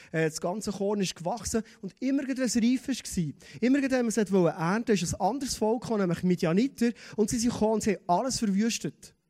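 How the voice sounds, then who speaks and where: A man preaching a lively sermon in church, reading scripture with acted voices. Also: high voice. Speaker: pastor.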